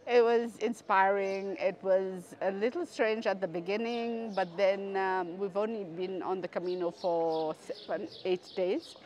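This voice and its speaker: A woman's voice: mid-range voice, steady tone, measured pace, hardly any pauses, a little mellow. A woman in her fifties from the Seychelles, speaking reflectively in a street interview in a city square. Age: 50s. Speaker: pilgrim interviewee.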